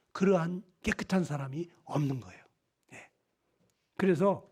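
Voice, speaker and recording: High-voiced emphatic male preacher. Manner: emphatic, keeps prodding listeners with rhetorical questions. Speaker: lay preacher. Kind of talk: gospel meeting sermon.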